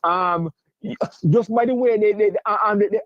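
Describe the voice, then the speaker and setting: A high-pitched male caller from Jamaica who stumbles through his sentences with constant restarts and filler words, yet keeps pressing the same point over and over. The line comes through dull and lo-fi, with a dry, close sound. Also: dry recording. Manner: halting, many stammered restarts and fillers; insistent, repeats himself. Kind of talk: call-in sports debate.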